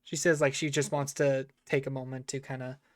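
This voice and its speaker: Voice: mid-range voice, flat delivery, fairly quick. A game master running a tabletop game on stream, talking loosely with lots of fillers. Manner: loose, filler-heavy, easygoing. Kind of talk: casual tabletop game narration.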